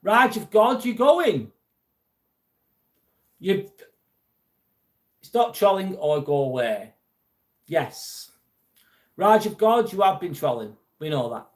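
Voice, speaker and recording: With a high, sing-song voice, slow pace and frequent pauses, an English live-stream host chats casually and reads out comments from viewers. He jokes about a troll, sounding a little irritated by it.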